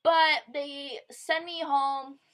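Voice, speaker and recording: A woman's voice: high-pitched, little pitch movement, extremely slow, a bit bright. A young woman telling a personal story to camera in casual vlog style, with lots of "like" and swearing. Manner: casual, swearing, quoting others in her own voice; filler-heavy, lots of "like". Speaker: vlogger.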